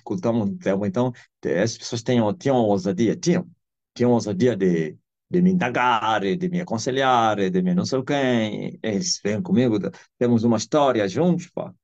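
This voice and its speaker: A man's voice: mid-range voice, darkish tone. A man with an Angolan Portuguese accent preaching a sermon over a live video call, stressing his points by repeating them. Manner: emphatic, repeats phrases for weight. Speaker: apostle and preacher. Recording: slightly muffled online call audio.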